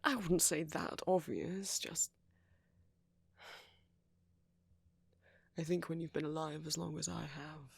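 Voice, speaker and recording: A man acts an ancient vampire gentleman in an intimate, conversational ASMR monologue, speaking very close on a dry recording. His slightly high voice is breathy and husky with gravelly fry, often drifting toward a whisper, and he comes across as courteous, friendly and teasingly flirtatious with soft hesitations, in a tender, wistful mood.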